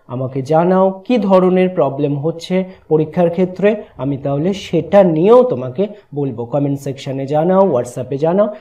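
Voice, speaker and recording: Mellow-voiced teacher explaining exam topics. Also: male voice, on the high side. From Bengal. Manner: explains steadily, filled with "uh" pauses, mixes English terms into Bengali. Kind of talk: exam suggestion lecture.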